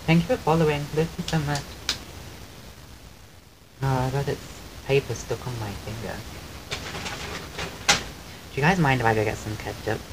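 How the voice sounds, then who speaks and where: A man with a soft voice that people often take for a woman's, chatting casually on a live stream at home and thanking his viewers. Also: medium pitch, moderate pace, long pauses. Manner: chatty and rambling, thanks viewers while eating. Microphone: desk microphone. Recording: clear background noise on the stream mic.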